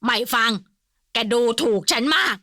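A woman's voice: mid-range voice, wildly swooping pitch, drawn-out words, dry recording, clean studio sound, full character voice. A woman doing a blustering old nobleman. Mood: furious. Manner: shouting, gruff and indignant. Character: blustering hot-tempered old male nobleman.

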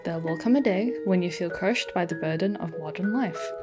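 A woman reading out the letter of a gentle, wise old grandfather from a farming game, softly and slowly, with game music behind. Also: fairly low pitch, close to an everyday voice. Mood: tender. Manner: slow, soft, reading aloud. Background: background game music.

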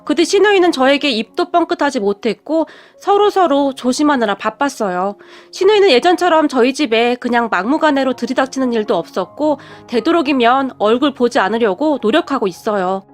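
High-voiced woman narrating a story. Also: animated, brisk, hardly any pauses, faint music behind. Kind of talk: scripted first-person narration.

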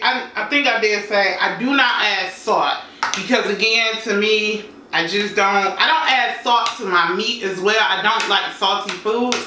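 Medium-pitched and easygoing, this woman in her thirties cooks at home while chatting in folksy terms for her vlog. A faraway camera mic records the roomy kitchen with clattering dishes, plus a little hiss or hum.

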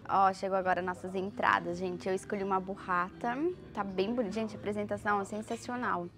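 A young adult woman with a Brazilian Portuguese accent chats to camera as a travel vlogger, tasting food on a restaurant terrace indoors and murmuring as she eats. Her medium-pitched voice is brisk with little pitch movement, recorded on a lapel mic over music.

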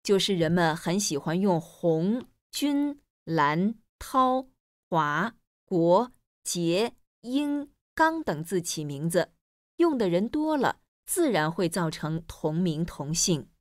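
Female teacher for a textbook listening dialogue: lowish, animated voice, clear explanations, dry studio sound. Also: slow, no room sound. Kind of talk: scripted listening-exercise dialogue.

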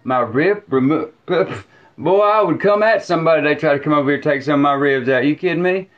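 Folksy Southern man with a lively drawl. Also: a little high, fairly quick. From Alabama. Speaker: live stream host. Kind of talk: casual video chat. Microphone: headphones with mic. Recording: muffled lo-fi stream audio.

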